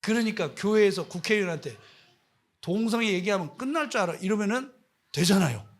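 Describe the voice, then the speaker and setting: A man's voice: high-pitched, expressive, a little fast. A man preaching as a missionary, impassioned and scolding, firing off rhetorical questions at his listeners. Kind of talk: sermon.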